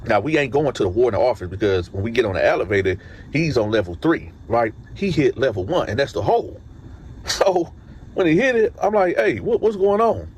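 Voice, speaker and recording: A man casually telling a story, acting out dialogue with animated streetwise slang. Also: mid-range voice, fairly quick, a little hiss or hum.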